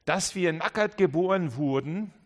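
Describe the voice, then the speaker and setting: Dramatic preacher, slightly high voice. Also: male voice, moderate pace. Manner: dramatic, acts out voices in dialogue. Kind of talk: sermon.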